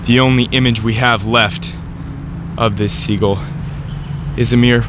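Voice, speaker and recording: A man playing a solemn, deadpan narrator in mock-serious scripted documentary style. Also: mid-range voice, unhurried, lightly acted. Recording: loud outdoor ambient noise.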